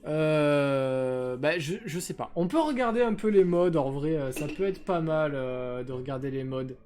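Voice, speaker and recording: Faint music sits behind this young man's live stream as he talks at an unhurried pace in a fairly high, darkish voice. He rambles casually, hesitating often and dropping crude slang into a noise-filtered desk microphone.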